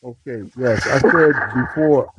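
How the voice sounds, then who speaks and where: Man, caller, muffled underwater-sounding phone audio, loud hiss, far from the mic, middle pitch. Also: unhurried. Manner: keeps asking if he can be heard. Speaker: caller on a live stream. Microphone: phone joined to a live stream. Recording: muffled, noisy, distant phone feed.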